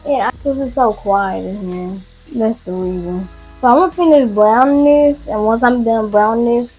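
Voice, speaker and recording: A tired woman, chatting casually and rambling to her viewers while cooking in her home kitchen, recorded by a nearby camera. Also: fairly high pitch. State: tired, yawning. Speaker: cooking vlogger. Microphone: camera close by.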